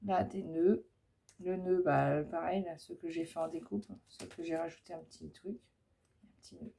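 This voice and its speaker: A woman's voice: lowish voice, fairly even intonation, moderate pace, creaky, dark tone. A woman chatting casually as she shows off her scrapbooking crafts, hesitant and full of fillers. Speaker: scrapbooking vlogger. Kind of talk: casual show-and-tell.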